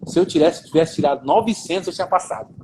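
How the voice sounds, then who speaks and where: A man's voice: fairly high pitch, fast talker, background noise. A man with a Brazilian accent telling his story in a casual live interview, informal and swearing as he goes, often repeating himself. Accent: Brazilian Portuguese. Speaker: guest.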